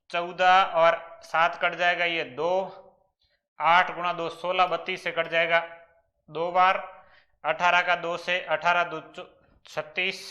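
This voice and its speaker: Rajasthani guy teaching exam maths, high bright voice, keeps asking himself questions and answering them. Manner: talks through problems step by step, asking and answering his own questions. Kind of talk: exam-prep lesson.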